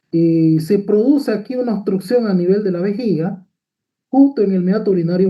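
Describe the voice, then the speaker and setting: A medical lecturer with a high-pitched voice walks through a slide point by point, checking in with frequent tag questions and fillers. The audio is slightly dull, as if recorded through a modest mic.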